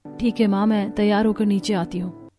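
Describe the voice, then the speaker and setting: A dutiful young daughter-in-law from a cartoon story speaks softly and hesitantly, played by a woman. She sounds meek and anxious, with a quieter, lower voice. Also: little pitch movement, normal speed, soft background music, lightly acted.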